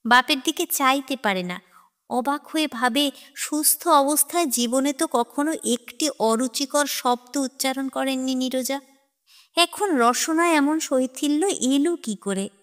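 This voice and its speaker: A woman narrating a short story aloud with an expressive, theatrical delivery. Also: high-pitched, big-room sound. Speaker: audiobook narrator. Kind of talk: dramatic story reading.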